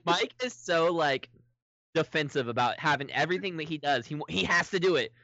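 A man's voice: fairly high pitch, fairly quick, dry recording. A man co-hosting a casual podcast, teasing and cursing as he jokes around. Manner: teasing, swears, lively. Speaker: podcast co-host. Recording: dull lo-fi mic.

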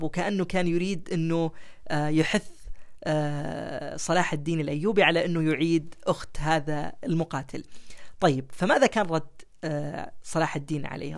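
Male history host, slightly higher voice, halting narration with many fillers, turns formal when reading letters. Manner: frequent hesitant fillers between phrases. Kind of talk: casual history storytelling, reading letters aloud.

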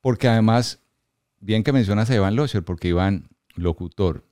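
A man's voice: on the low side, normal speed, dark tone, no room sound, clean studio sound. A man hosting a podcast interview, chatty and easygoing, who laughs often and trails off mid-sentence. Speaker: podcast host. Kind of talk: casual conversational interview.

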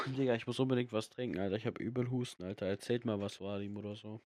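A man's voice: fairly low pitch, steady tone, fast, no echo, studio quality. A man hosting a casual podcast chat, slangy and loose, steering the talk with questions to his friends.

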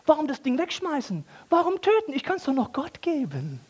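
A man's voice: very high-pitched, wildly swooping pitch, normal speed, darkish tone, pitched above the performer's own voice, heavily acted. A man voicing an eager, naive young man who proudly offers God his oldest sick sheep. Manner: earnest, pleased with himself.

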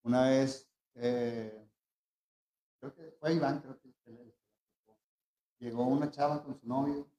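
Speaking slowly in a dark-toned, medium-pitched voice with fairly even intonation, a Mexican-accented tattoo artist shares casual stories. He pauses often, restarts frequently, and acts out the quoted people as he goes. There's a roomy echo on the recording.

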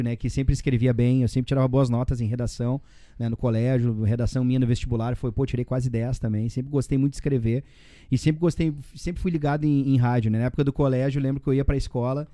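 A guest from southern Brazil, a man in his forties with a Rio Grande do Sul Portuguese accent, talks fast and jumps from one story to another. His medium-pitched voice is dark and mellow, recorded dry and close with no echo. He sprinkles in tag questions and casual slang throughout.

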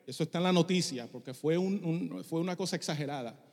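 A man's voice: on the high side, quick pace, darkish tone, in a large hall. A middle-aged male pastor preaching a passionate sermon, dropping English phrases into his Spanish. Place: church sanctuary.

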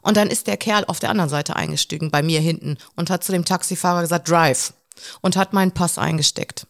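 A woman's voice: fairly low pitch, fast talker, creaky. Woman vividly retelling a frightening trip. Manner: vivid, animated retelling with acted inner thoughts. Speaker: guest telling a personal story. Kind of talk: emotional storytelling in a podcast conversation.

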